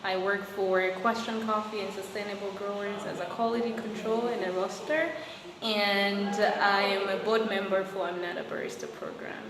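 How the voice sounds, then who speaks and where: A woman's voice: medium pitch, moderate pace, crowd noise. A young woman from Rwanda, a guest in an interview, answering thoughtfully with many fillers and restarts. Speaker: guest, coffee quality controller and roaster. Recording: echoey room with loud background noise.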